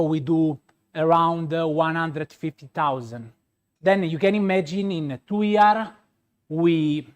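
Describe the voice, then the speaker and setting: A man with a Roman Italian accent presents a live product demonstration as a pastry chef. His voice sits a little high and he speaks slowly and haltingly, often searching for words. He repeats key points to drive them home. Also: darkish tone. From Rome, Italy.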